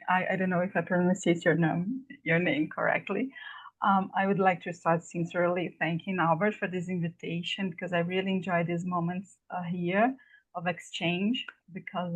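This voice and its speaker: Over a video call with lo-fi sound, a Brazilian woman whose native language is Portuguese guest-lectures a casual online class in a lowish voice. Her Brazilian Portuguese accent is clear, and she hesitates and apologizes, with lots of fillers and restarts.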